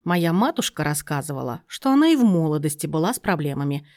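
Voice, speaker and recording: A woman's voice: low voice, very animated, fast, a little mellow. A woman reading aloud and voicing a pompous young man who lectures in convoluted phrases. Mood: condescending.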